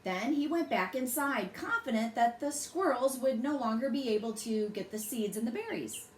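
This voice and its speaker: A female storyteller reads a bedtime story aloud to children in a very lively, high-ish voice, taking an unhurried, deliberate, dramatic approach to her phrasing. The recording is roomy with echo and faint background noise.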